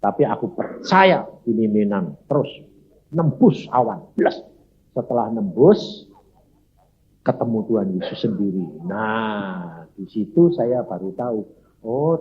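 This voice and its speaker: Older male pastor, husky, lively sermon storyteller who shouts quotes. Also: fairly low pitch, a little slow, muffled recording. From Indonesia. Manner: animated, shouting acted quotes.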